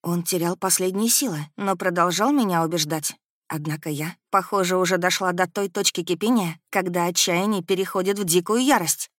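A woman's voice: on the low side, fairly quick, dry recording, studio quality. Woman reading a first-person audiobook. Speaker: audiobook narrator. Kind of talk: scripted first-person narration.

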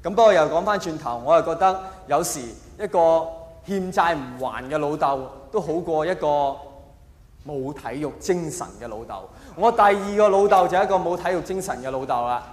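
In an echoey hall with a little background noise, a male stand-up comic with a Hong Kong Cantonese accent performs a colloquial routine. His voice sits on the high side and moves at a moderate pace, and he leans on exaggeration and rhetorical questions.

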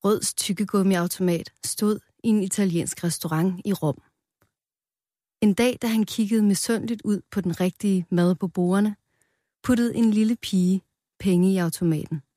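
A woman reading a children's story aloud in a calm, playful storytelling manner, close to the mic. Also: mid-range voice, no echo.

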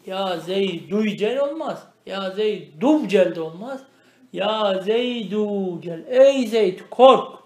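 A man teaching a traditional grammar lesson. He reads Arabic phrases slowly, explains them, and keeps asking the student questions. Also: high voice, expressive, roomy sound. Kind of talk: traditional religious lesson, explaining a text line by line.

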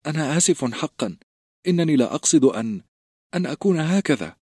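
A man's voice: on the high side, very animated, fairly quick, a little mellow, breathy edge, no echo, studio quality, voice pushed up. A man voicing a plump, timid teenage boy who stammers and apologizes. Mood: ashamed. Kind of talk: audiobook character voice.

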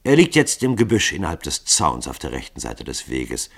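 Guy reading a flat slow cold boss man, deep and husky. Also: heavily acted. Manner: monotone, slow, even. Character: cold leader, monotone and even-voiced.

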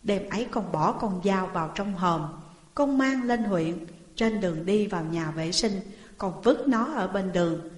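A woman's voice: medium pitch, lively intonation, a little slow, natural voice. A young wife, wrongly accused, pleads with anguish in her voice, as a woman narrator puts her on. The sound is roomy and carries a long reverb. It is a storybook reading. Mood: pleading.

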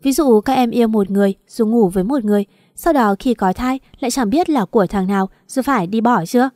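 A woman's voice: a little high, quick pace, darkish tone, no room sound, clean studio sound, lightly acted. A woman voicing a mocking, arrogant married man who taunts his wife. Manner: sneering, taunting.

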